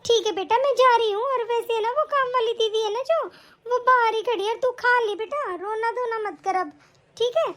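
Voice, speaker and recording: A woman voicing a caring middle-aged mother-in-law in an animated family story, scolding affectionately and giving brisk instructions. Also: very high voice. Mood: doting.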